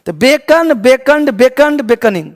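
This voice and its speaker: A young man with a strikingly high voice teaches spoken English, repeating each word form over and over. He switches between Hindi and English in an unhurried, drawn-out delivery. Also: expressive. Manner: drills word forms by repeating them aloud, mixing Hindi and English. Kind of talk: energetic classroom teaching.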